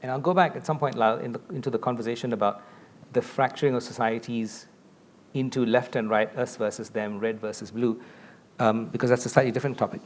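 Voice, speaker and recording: This is a fairly quick, steady-toned, medium-pitched male voice with slight background noise. The speaker, a middle-aged man from Malaysia, sits on a conference panel on a big curtain-backed stage and talks through a lapel mic, laying out points expansively while gesturing often.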